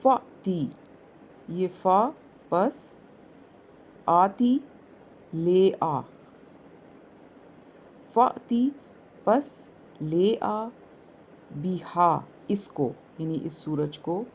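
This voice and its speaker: Female teacher, low and mellow, very slow word-by-word lesson, muffled recording. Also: lively intonation, slight background noise. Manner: slow, repeats each word and its meaning. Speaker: Quran teacher.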